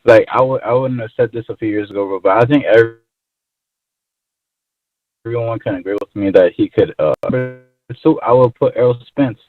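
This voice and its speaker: A man's voice: mid-range voice, a little fast, pauses often, dry recording. Guy calling in on a bad choppy line, super thin phone sound, rambly and loose, bro this bro that. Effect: phone line with choppy, bad connection. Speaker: caller. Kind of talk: casual call-in chat. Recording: tinny, dry phone line.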